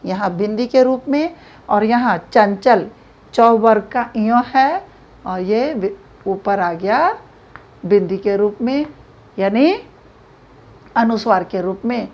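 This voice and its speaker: A woman teacher giving a grammar lesson, explaining slowly and repeating examples aloud. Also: mid-range voice, expressive, darkish tone. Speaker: Hindi teacher. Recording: dull lo-fi recording.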